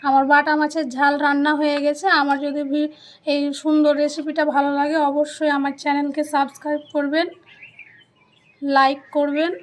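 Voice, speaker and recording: A woman narrating a cooking video step by step, calmly addressing viewers as friends. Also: high-pitched, a little fast. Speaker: cooking channel host.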